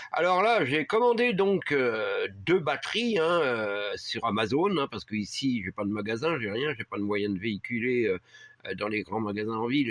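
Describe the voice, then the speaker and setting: A man's voice: medium pitch, fairly bright tone, dry recording. A man telling a story in a casual, rambling way, full of fillers and restarts. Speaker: vlogger. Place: rural home heated by a wood stove.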